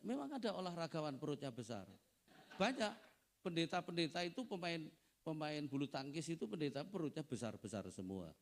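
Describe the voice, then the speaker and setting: A man's voice: on the high side, sing-song, brisk. A middle-aged male pastor giving a family seminar sermon, preaching conversationally with frequent asides to the audience.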